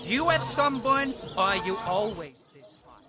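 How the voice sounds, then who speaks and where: A man's voice: sits high, animated, moderate pace. An actor playing a theatrically seductive, wheedling man full of cheesy flirtation in a video game. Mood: flirtatious, teasing. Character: flirtatious male barker spouting cheesy pickup lines. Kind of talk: video game character acting. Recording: music behind the voice.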